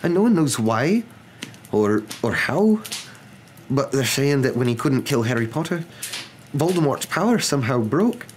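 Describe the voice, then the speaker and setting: A man's voice: medium pitch, wildly swooping pitch, slow, pauses often, a bit bright, slight background noise, pitched above the performer's own voice, exaggerated voice. A man voicing a stern, anxious older witch professor, faltering and emphatic, in a storybook reading. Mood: shaken.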